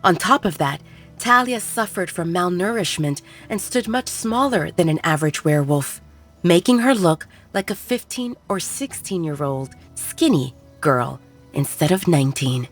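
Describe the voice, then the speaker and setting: An audiobook narrator, a woman with a slightly low voice, reads scripted dramatic fiction with very lively intonation. Her storytelling is measured and expressive, set over soft background music.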